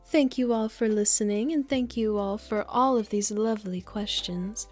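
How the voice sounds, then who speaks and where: Soft-spoken woman, whispered role-play, proper. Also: medium pitch, moderate pace, soft background music. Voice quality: slightly nasal. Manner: soft, proper and a little monotone; coos endearments like darling. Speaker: ASMR creator.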